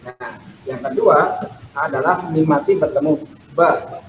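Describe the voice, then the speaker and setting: A male recitation teacher with a slightly raised voice, speaking very slowly and patiently as he drills letter sounds for students to repeat. The room is echoey, with a faint hiss of background noise. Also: fairly high pitch. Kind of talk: Quran recitation class.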